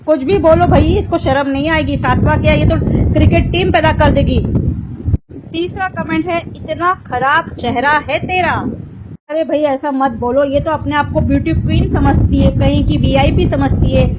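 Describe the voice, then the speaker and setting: A woman's voice: high voice, fairly even intonation, moderate pace, heavy background noise. A woman vlogger reading viewer comments aloud in a sarcastic, teasing way. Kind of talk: mocking commentary vlog.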